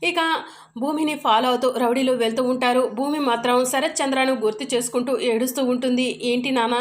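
A woman with a high voice tells a serial episode scene by scene. Her reading is plain and steady, and she tags each quoted line with a short aside. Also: brisk. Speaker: story narrator.

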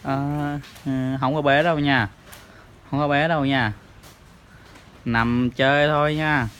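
A man's voice: on the high side, flat delivery, measured pace, a bit bright, slight background noise. A father, chatting playfully to his baby at home and teasing with many short questions.

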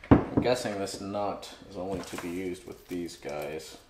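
A man's voice: sits low, a little slow. Chatty man in an echoey garage workshop. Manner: chatty, thinks aloud with many uh fillers. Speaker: woodworking channel host. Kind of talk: casual tool review vlog. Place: home garage workshop, indoors. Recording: echoey garage with loud background noise.

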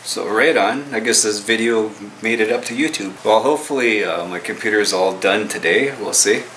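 Man, 30s, casual home vlog, laid-back, grumbling, low-pitched voice. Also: moderate pace, fairly bright tone, a little hiss or hum, poor audio. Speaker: vlogger. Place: home kitchen and living room. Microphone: camera mic.

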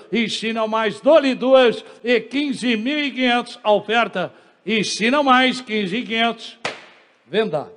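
A man's voice: high voice, fairly bright tone. A Brazilian man working as an auctioneer, calling live car bids in repeated set phrases. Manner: repetitive formulaic bid calling. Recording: long hall reverb.

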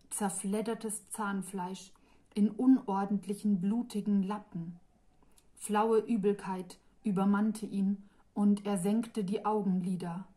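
A woman reading her own fantasy novel aloud in a calm, measured way. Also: medium pitch. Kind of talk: audiobook narration.

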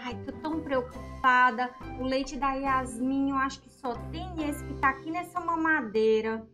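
A woman's voice: high voice, normal speed, over music, lightly acted. A woman voicing a young mother in a storybook role-play, cooing sing-song baby talk at her infant. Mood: doting, fussing. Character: young mother, proud then tender, doting.

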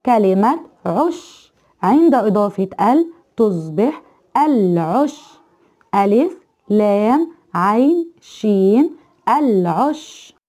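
A woman's voice: fairly high pitch, dark tone. Woman teacher spelling letter by letter. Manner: spells words letter by letter, quick praising questions. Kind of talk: kindergarten Arabic spelling review.

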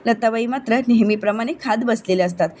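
A woman's voice: fairly high pitch, fast talker, darkish tone, a little hiss or hum. A woman narrating a recap of a television serial, acting out the characters' quoted lines with her voice rising.

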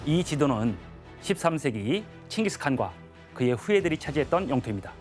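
Man giving a lively history lecture. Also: a little high, faint music behind. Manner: measured explaining with frequent "예" fillers. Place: TV studio.

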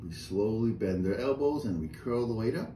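This middle-aged instructor guides a seated workout at a moderate pace, his voice on the low side as he gives calm cues and counts breaths. He's filmed from a few feet away in a small painted-wall room, and the audio carries roomy echo and slight room noise.

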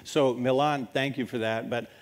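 A man moderating a conference panel, measured and guiding as he introduces speakers. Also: medium pitch, fairly even intonation. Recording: long hall reverb.

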